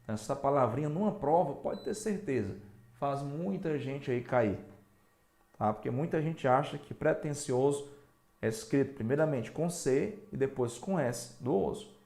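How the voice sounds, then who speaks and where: A man's voice: medium pitch, animated, normal speed, gravelly, a little mellow. A male teacher with a Brazilian Portuguese accent explains spelling rules and keeps checking in with the viewer. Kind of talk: recorded spelling lesson. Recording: echoey room.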